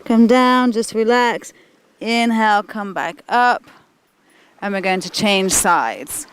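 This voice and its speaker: A woman's voice: medium pitch, slow, clear, resonant tone. A woman leading a guided kundalini yoga class as the instructor, encouraging and informal, with chatty asides between directions.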